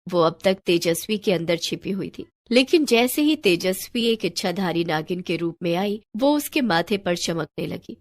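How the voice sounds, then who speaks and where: A woman narrating a children's storybook tale in a lively, dramatic way. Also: on the low side, normal speed, few pauses, no room sound. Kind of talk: scripted narration.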